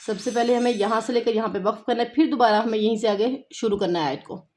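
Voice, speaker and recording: A woman teaching a tajweed lesson, explaining rules and slowly repeating words to show how they are pronounced. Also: on the high side, a little mellow. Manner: patient, repeats words slowly to demonstrate pronunciation. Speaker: Quran recitation teacher.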